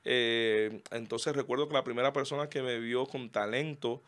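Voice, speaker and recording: A man's voice: medium pitch, steady tone, normal speed, clean tone. A middle-aged man from Cuba with a Cuban Spanish accent, a guest pastor and singer telling his story in a casual interview, rambling with restarts. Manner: rambling, frequent restarts, laughs warmly.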